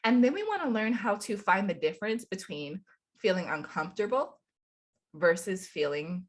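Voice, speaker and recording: A woman's voice: medium pitch, animated, normal speed. A young adult woman with a congested voice, talking casually to camera as a spiritual coach, chatty and upbeat with frequent laughs. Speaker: spiritual coach and channel host.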